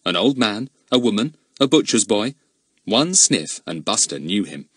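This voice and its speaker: A man narrating a children's storybook audiobook in an expressive, animated reading with a husky voice. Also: fairly low pitch, a little slow, dry recording, studio quality.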